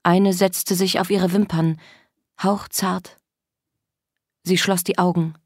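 Slow, measured woman narrating an audiobook. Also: on the low side, no room sound, studio quality. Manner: calm, measured storytelling. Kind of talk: scripted narration.

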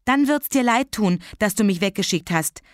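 A woman's voice: mid-range voice, expressive, normal speed, no echo, studio quality, voice pushed up, natural voice. A woman voicing a dramatic, whiny little girl who pleads and exaggerates. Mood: whining.

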